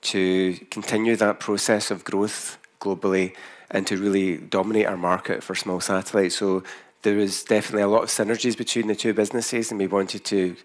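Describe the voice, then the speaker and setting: A company founder from Scotland gives a business presentation in a broad Scottish accent, speaking carefully so his audience can keep up. His voice is fairly low and level, and his pace is a little fast.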